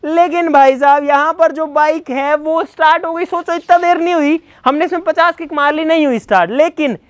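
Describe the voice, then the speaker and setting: A man's voice: extremely high pitch, fairly quick, no echo. A man talking casually to viewers while he demonstrates a bike trick, calling out repeated urgent commands to a helper. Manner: chatty, addresses viewers as brother and guys, repeats urgent commands. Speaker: vlogger. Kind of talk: casual hands-on demo vlog.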